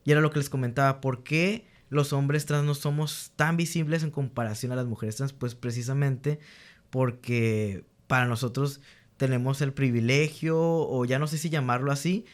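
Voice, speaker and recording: A young man talks at a moderate pace in a mid-range voice with fairly even intonation. As a teacher and interview guest, he earnestly tells candid stories about his students, acting out their exchanges and restarting often.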